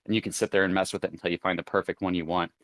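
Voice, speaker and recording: A man with a very low voice hosts a casual live chat, rambling and thinking aloud with plenty of fillers. The sound is dry and close, with no room around it. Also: little pitch movement, very fast, no room sound. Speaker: crypto show host.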